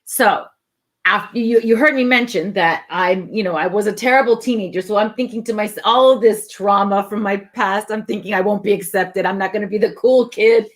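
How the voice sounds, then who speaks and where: A woman's voice: medium pitch, a little fast. Earnest woman telling a personal story. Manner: earnest, acts out quoted dialogue, laughs easily. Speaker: co-host sharing her testimony. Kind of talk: conversational storytelling.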